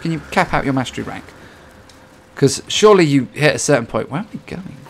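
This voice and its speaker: A man's voice: medium pitch, animated, a little fast, gravelly, a little hiss or hum. A man streaming a game, chatting casually and reacting aloud to his teammates. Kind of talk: casual gameplay commentary.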